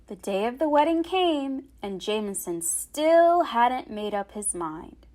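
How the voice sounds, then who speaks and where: A woman storyteller reads a picture book aloud to children in a fairly high voice, going slowly. Her phrasing is expressive and dramatic, and she enunciates carefully.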